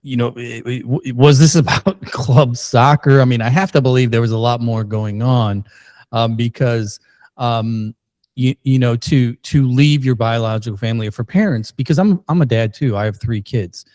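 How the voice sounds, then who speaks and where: In a podcast interview set in Missouri, a man with a darkish, mid-range voice asks joking, rambling questions that halt and restart often. The sound is clean studio audio with no room sound.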